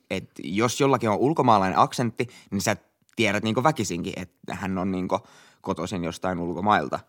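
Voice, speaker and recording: A young Finnish man with a lowish voice, co-hosting a relaxed podcast conversation. He speaks frankly and peppers his talk with fillers and the odd swear word. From Finland. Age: young adult. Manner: frank, slangy, with frequent "niinku" fillers and swearing. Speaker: podcast co-host. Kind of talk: casual chat.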